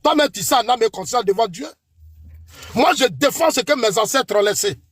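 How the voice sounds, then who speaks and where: A man with an Ivorian French accent argues hotly in a political debate, calling out his opponent again and again and preaching warnings about God's judgment. His voice sits very high for a man and sounds husky, and the recording is dry and close. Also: lively intonation, moderate pace, a bit bright, no echo. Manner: accusatory, repeatedly calling out his opponent by name; preachy warnings invoking God.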